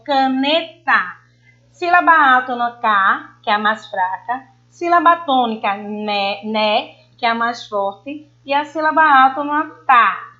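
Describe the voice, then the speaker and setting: Woman, schoolteacher, affectionate, drawn-out examples, sharp bright tone. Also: sits high. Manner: affectionate, stretches out example words slowly. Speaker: primary school teacher. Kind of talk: online class for children. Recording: dull lo-fi home recording.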